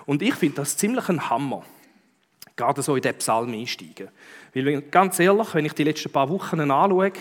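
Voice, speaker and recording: Animated Swiss German preacher. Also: male voice, a little high, moderate pace. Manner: lively, conversational preaching with emphatic interjections. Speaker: pastor. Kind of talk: sermon.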